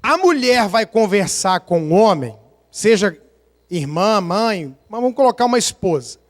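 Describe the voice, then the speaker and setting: High-voiced Brazilian pastor in a reverberant church. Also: male voice, a little slow. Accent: Brazilian Portuguese. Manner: animated storytelling, acting out scenes and counting aloud. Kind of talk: sermon. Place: church sanctuary. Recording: long church-hall reverb.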